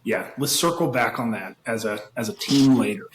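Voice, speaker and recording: A man's voice: mid-range voice, moderate pace, slight background noise. A man guesting on a podcast, rambling in an easygoing casual chat. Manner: rambling, easygoing, many fillers. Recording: echoey room recording.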